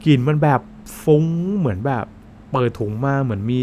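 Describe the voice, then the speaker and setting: A man's voice: medium pitch, fairly quick, dull audio, a little hiss or hum. A man co-hosting a casual podcast, talking in a chatty, easygoing way and laughing often. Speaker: podcast co-host explaining coffee.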